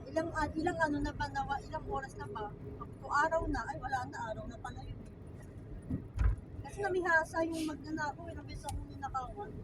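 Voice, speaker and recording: A Filipina woman telling a story in casual chat, animated and quoting people. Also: sits high, fairly quick. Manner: animated storytelling with acted quotes. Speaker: storyteller recounting a theft. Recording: distant mic with loud road noise.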